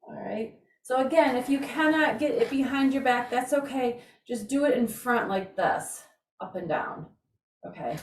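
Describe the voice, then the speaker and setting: Counting out reps and chatting casually, a woman instructor gives informal, encouraging cues to her exercise class. She speaks at normal speed in a fairly high voice. The sound is roomy and echoey from a distant microphone, with slight background noise.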